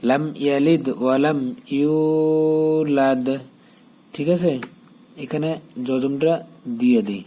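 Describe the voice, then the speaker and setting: A man teaching Quran reading who spells out each letter and vowel mark, then chants each verse slowly and drawn-out, often pausing to check that the learner follows. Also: medium pitch, steady tone, warm tone, poor audio. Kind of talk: step-by-step Quran recitation lesson.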